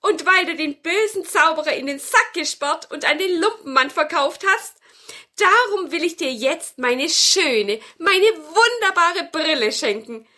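A good old forest witch from a fairy tale in a piercing, very high squeal. She begs and gushes, her voice leaping all over and pressing loudly forward. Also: animated, measured pace, full character voice. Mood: eager. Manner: squealing, urgent and pleading.

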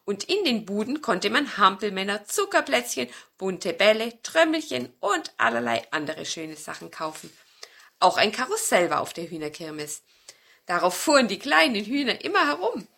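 A woman telling a fairy tale to children, expressive, with dramatic pauses and dips into a whisper for suspense. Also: medium pitch, vocal fry. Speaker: storyteller.

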